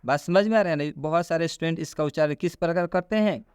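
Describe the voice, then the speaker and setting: Male tutor, fairly high voice, drills and questions the class. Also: fast, a little mellow, clear, resonant tone, no echo, studio quality. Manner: repeats rules and quizzes the listener. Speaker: English pronunciation teacher. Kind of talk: classroom-style explanation.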